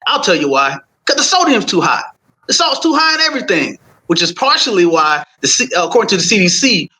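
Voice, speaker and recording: Man, high-pitched, bright and punchy, confident startup pitch, salesman-like, rehearsed delivery, some background noise. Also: poor audio. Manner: confident, salesman-like, poses rhetorical questions. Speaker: startup founder and food scientist pitching.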